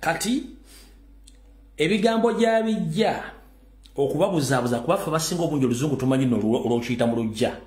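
A man's voice: on the high side, animated, quick pace, darkish tone, reverberant, a little hiss or hum. A middle-aged Ugandan man hosting a casual live commentary on video clips, recorded on a phone in a small room. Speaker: host. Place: small plain room indoors.

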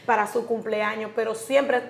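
A woman's voice: on the high side, steady tone, normal speed, gravelly. A woman playing a university-student daughter who defends her heartfelt gift. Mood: defensive. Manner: defensive, pleading. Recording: roomy echo.

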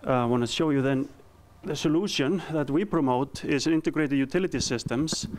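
A company founder in his thirties from Iceland gives a conference room presentation with a handheld mic. He speaks at medium pitch in an Icelandic accent, earnest but halting and full of ums.

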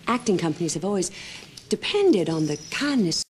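A woman's voice: on the low side, big pitch swings, fairly quick, slight background noise. An actress in her forties playing an effusive, theatrical director of an amateur troupe in a television drama. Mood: earnest, wheedling.

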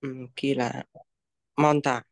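A male student reading vocabulary aloud in class, halting and hesitant, often pausing on fillers. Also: mid-range voice, level tone, gravelly, dry recording, clean studio sound.

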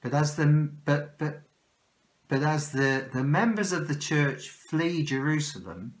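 Older male preacher, Welsh English accent, slow and sincere, self-correcting; home-recorded sermon, close phone mic. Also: a little high. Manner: slow, earnest, with frequent restarts. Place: small room at home, indoors. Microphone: phone or webcam close in front.

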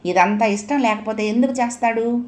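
A woman's voice: a little high, moderate pace, natural voice. A woman voicing a middle-aged mother who coaxes and pleads with her husband, in an audio story. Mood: pleading. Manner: coaxing, pleading.

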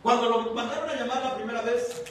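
A man's voice: very high-pitched, fairly quick, a bit bright, slight background noise. A man preaching a sermon at a church service, telling the story with expression and asking the listeners questions. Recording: echoey church hall, mic at a distance.

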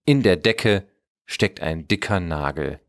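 Lively low-voiced male storyteller. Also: slow. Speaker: narrator. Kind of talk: storybook narration.

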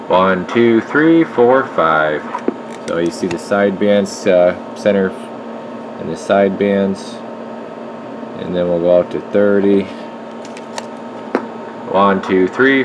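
A deep-voiced man in an indoor electronics workshop presents his radio repair work at an unhurried pace, holding the camera himself. His hands-on demo is casual, full of workbench slang and thinking out loud, over some background noise.

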